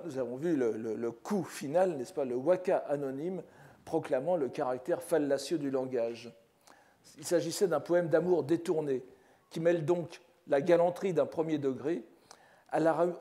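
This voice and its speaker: An older man giving a scholarly lecture as a professor, measured and careful, often restarting phrases and adding rhetorical asides. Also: on the high side, dark tone. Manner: measured, scholarly, with frequent restarts and "n'est-ce pas". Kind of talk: academic lecture. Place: lecture hall.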